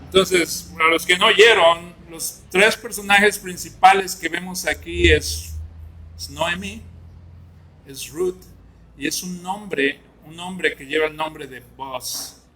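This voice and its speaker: Male Bible class teacher, fairly high, bright voice, chatty and questioning. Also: slow. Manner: conversational, asks the class questions and jokes with students.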